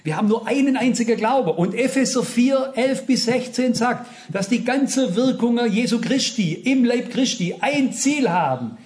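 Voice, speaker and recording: A man's voice: extremely high pitch, a little mellow. A man preaching an earnest, emphatic sermon, speaking directly to his congregation. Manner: retells an anecdote with dialogue.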